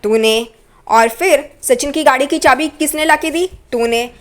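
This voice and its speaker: A woman's voice: high voice, expressive, moderate pace, a bit bright. A woman reading out the lines of a scheming male gangster in a retold TV serial, in a taunting, scolding way.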